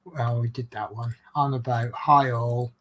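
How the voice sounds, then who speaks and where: A man's voice: medium pitch, flat delivery, measured pace, fairly bright tone. A man with a Norfolk accent chatting casually in a jokey, self-deprecating, rambling way as he hosts a live stream. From Norfolk, England. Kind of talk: casual chat.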